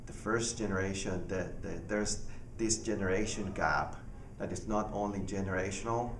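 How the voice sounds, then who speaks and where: A man, a pastor speaking earnestly about his ministry with halting restarts. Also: low voice. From Panama. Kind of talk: personal ministry testimony. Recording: echoey room, far from mic, audible noise.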